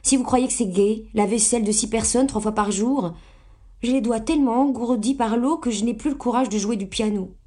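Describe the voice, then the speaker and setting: A woman reader voicing a gentle, reasonable young sister who talks softly and sighs. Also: on the high side, fairly quick, pitched above the performer's own voice, natural voice. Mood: plaintive. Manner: soft, sighing, complaining mildly.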